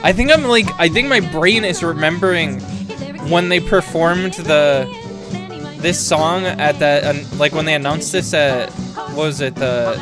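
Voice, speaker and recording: Brief: male game streamer, a bit high, rambly, filler-heavy casual chat, game music playing behind. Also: unhurried. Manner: rambling, full of "like" and restarts; gets loud and excited in bursts. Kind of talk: casual live-stream chatter while gaming.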